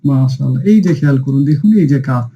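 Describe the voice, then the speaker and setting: A man's voice: medium pitch, racing, muffled recording, a little hiss or hum. A man teaching an online lesson on reading Arabic letters, drilling each sound by asking and answering himself and repeating it patiently. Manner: patient, addresses dear students often.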